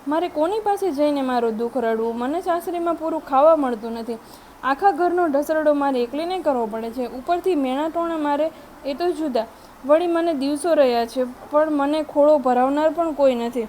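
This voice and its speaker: Woman storyteller doing a meek mistreated young wife, plaintive and pleading, high voice. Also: normal speed, mellow, slight background noise, natural voice. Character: poor young pregnant daughter-in-law, meek.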